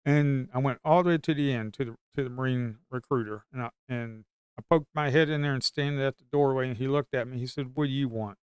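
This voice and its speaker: A middle-aged Appalachian Southerner from the Blue Ridge Mountains chats crudely and casually on a trading stream, telling wandering folksy tales punctuated by hollers. He talks at a quick pace in a clear, resonant mid-range voice. The audio is studio quality with no room sound.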